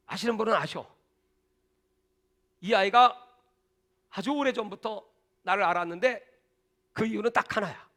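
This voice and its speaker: A man's voice: high-pitched, bright, forceful tone. A male pastor preaching a sermon in an emphatic, colloquial way, telling stories to the congregation.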